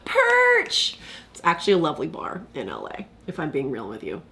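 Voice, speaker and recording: Her voice is low-pitched and sharp, with vocal fry and huge pitch swings. This young woman runs a casual live stream, chatting confessionally, dropping frequent "likes" and quick laughs while reading out viewer comments.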